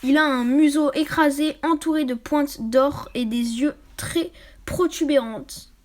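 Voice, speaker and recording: Girl reading a book out loud on her channel, high voice, keeps tripping on words and fixing them. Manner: stumbles over words and corrects herself often; drops into quiet, quick asides. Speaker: YouTuber reading a book aloud. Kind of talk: casual read-aloud with asides.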